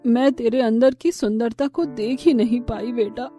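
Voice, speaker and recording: A woman's voice: fairly even intonation, moderate pace, warm tone, faint music behind, lightly acted. Woman voicing a nagging older mother-in-law. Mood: remorseful. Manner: shrill, nagging scolding. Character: spiteful older mother-in-law, harsh and scolding. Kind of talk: storybook voice acting.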